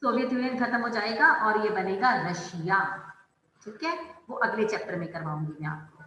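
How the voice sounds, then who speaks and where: Slow-spoken woman teacher, bright echoey voice. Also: mid-range voice, slight background noise. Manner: slow, drawn-out English phrasing, calls students by name. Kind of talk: online class lesson, mixing Hindi and English. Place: online video class. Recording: echoey room with long reverb.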